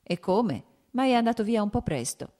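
A woman reading the lines of a young aristocratic officer in an audiobook, relaxed and lightly amused. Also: fairly high pitch, normal speed, voice pushed up.

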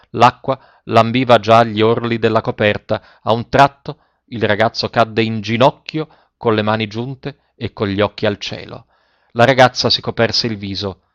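A man narrating a dramatic story aloud, raising his voice sharply for shouted lines and slowing down for solemn ones. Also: fairly low pitch, no echo. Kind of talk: dramatic audiobook reading. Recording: dull, dry, muffled recording.

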